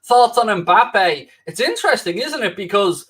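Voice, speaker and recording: An Irishman with a Dublin-Wicklow accent is filling in as host of a live football watchalong, reading viewer comments and bantering with them in a cheeky, self-mocking way. His high voice swings widely in pitch at a measured pace, sounding a bit bright with a breathy edge. He's recorded close on a new microphone.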